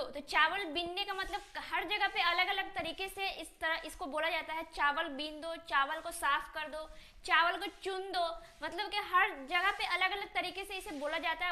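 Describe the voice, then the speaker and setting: A woman teaching spoken English in Hindi. She keeps asking the class questions and answering them herself, and she slows down to spell out each English phrase. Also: extremely high pitch, sharp tone.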